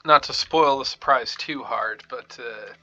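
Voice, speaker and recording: A man's voice: medium pitch, a little slow, pushed and bright, lo-fi sound, a little hiss or hum. A man giving casual game commentary, musing aloud in a wry way as he plays. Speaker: gamer narrating a playthrough.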